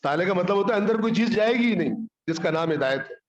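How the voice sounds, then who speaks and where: High-voiced preacher in a roomy hall. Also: male voice, animated, quick pace, lo-fi sound. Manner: scolding, rhetorical questions, quotes Arabic. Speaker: Islamic scholar preaching. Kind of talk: Urdu sermon on the Quran.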